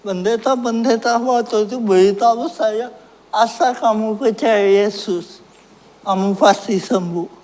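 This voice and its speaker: Slow-talking man giving a sermon testimony. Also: sits high, darkish tone. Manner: self-mocking, laughs at his own story.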